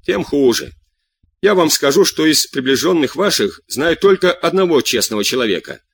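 A man voicing a calm, stubborn middle-aged king who answers with dry irony and long cool lectures, in an audiobook reading. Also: a little high, normal speed, creaky, husky, no room sound, full character voice. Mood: sardonic. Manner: cool, sardonic, lectures at length.

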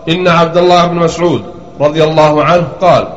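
A man reading a classical text aloud to a lesson, in a measured voice with a slightly chanted lilt. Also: on the high side, steady tone. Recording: lo-fi recording in an echoey room.

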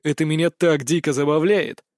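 A man's voice: fairly high pitch, fairly even intonation, moderate pace, a little mellow, no echo. Man narrating a story, dry close sound. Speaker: audiobook narrator. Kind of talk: first-person story narration.

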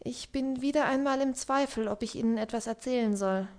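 A woman's voice: fairly high pitch, brisk, a little mellow, close to an everyday voice. A woman reading a dry, ironic baron. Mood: subdued. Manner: dry, mocking, subdued. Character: ironic, melancholy young baron.

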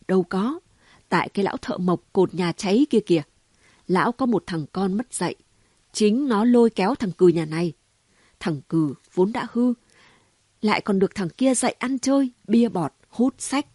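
A woman reading an audiobook voices a gossipy, sharp-tongued city woman who talks in quick exclamations and mockery. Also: mid-range voice, husky, dry recording, clean studio sound. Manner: chatty, mocking, full of exclamations.

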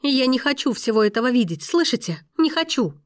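A woman's voice: big pitch swings, brisk, dry recording, clean studio sound. Woman voicing a furious frightened young heroine. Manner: shrill angry outbursts.

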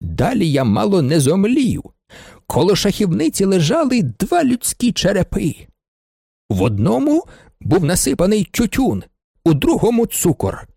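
Male narrator, audiobook reading, expressive storytelling, high voice, very lively pitch. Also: normal speed, creaky, slightly rough, no room sound, clean studio sound. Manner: expressive first-person storytelling. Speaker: audiobook reader.

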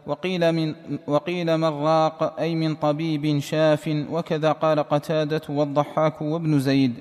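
Male reader of a classical commentary, higher voice, flat measured delivery; distant mic, long hall reverb. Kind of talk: reading a classical commentary aloud.

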